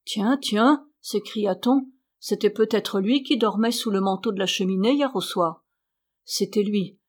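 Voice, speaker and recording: Female audiobook narrator, mid-pitched, steady reading with animated dialogue lines.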